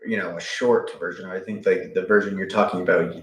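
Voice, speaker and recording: Low-voiced man fumbling for words. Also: steady tone, roomy sound, slight background noise. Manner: halting and searching for words, swears. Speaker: podcast co-host. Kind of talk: casual book discussion.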